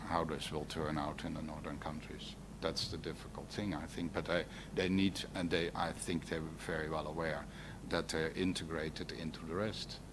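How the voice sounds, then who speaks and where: A man's voice: rumbling low, level tone, moderate pace. A man giving remarks at a conference round table, hesitating as he searches for words. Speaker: panel speaker. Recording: live conference recording, faint noise.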